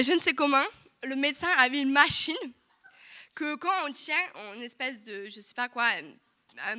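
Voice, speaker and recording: A young woman giving a lively, chatty testimony in church, full of asides to the congregation. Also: sits high. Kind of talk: sermon testimony. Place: church hall.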